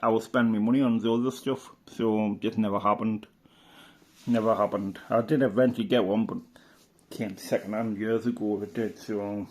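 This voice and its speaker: A middle-aged British radio hobbyist casually reminisces while paging through an old catalogue, rambling at an unhurried pace with plenty of fillers and restarts. His voice is fairly low, steady, and somewhat dark.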